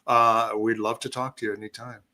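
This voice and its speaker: A man with a bright, forward voice hosts a casual live stream. He reads viewer questions aloud and talks them over in a relaxed, conversational way, with plenty of "you know" and "uh". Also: medium pitch, a little fast. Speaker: host.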